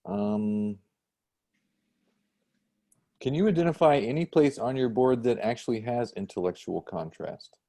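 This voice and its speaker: A man's voice: mid-range voice, measured pace, long pauses, warm tone. A man teaching an online design class over a video call, chatty and checking in with "right?". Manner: conversational, often checks with "right?".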